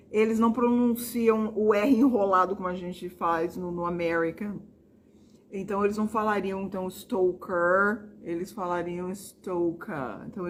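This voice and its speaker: A woman's voice: mid-range voice, a little hiss or hum. Chatty woman teaching pronunciation. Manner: chatty, demonstrative, repeating words slowly. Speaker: book channel host teaching English pronunciation. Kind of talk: casual video lesson.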